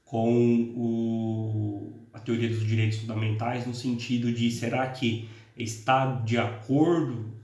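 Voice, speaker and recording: Recorded from a distant mic in an echoey room, a male law professor and course coordinator delivers an informal lecture. He speaks slowly in a level, mid-range, darkish voice with a northern Paraná interior Brazilian Portuguese accent, being from the interior of Paraná, Brazil, and he hesitates often, using many fillers and correcting himself.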